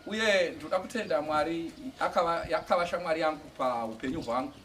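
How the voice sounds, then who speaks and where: A man giving a church testimony, speaking haltingly and with feeling, often restarting words. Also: a little high, fairly bright tone. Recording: distant mic with faint outdoor noise.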